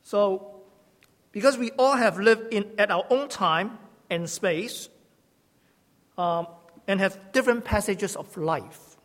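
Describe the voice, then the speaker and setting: High-voiced man. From Hong Kong. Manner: halting, self-correcting, gently humorous. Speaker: church teacher. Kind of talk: sermon-style teaching talk. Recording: long hall reverb.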